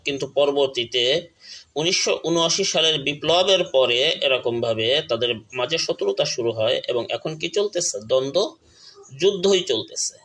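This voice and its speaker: A man's voice: on the high side, animated, moderate pace, a bit bright, low-quality recording. A man giving an earnest talk straight to his viewers, stumbling over words now and then and stressing each example as he lists it. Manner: earnest, speaks with restarts and stammered words. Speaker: speaker of an online channel. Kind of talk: direct-to-camera political talk.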